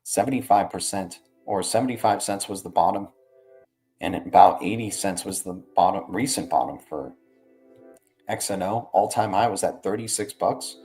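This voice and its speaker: Male streamer, deeper side, informal rambling commentary with slangy check-in tags, light music bed. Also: normal speed, mellow. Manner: rambling, slangy, often ends phrases with "right" and "man". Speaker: livestream host. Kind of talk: casual livestream market commentary.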